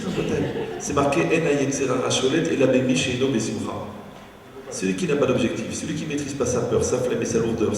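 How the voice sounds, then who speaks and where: A man, a rabbi, giving an animated, joking lecture sprinkled with Hebrew terms. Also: medium pitch, creaky. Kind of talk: humorous spoken lecture. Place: lecture hall. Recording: echoey hall from far off, faint noise.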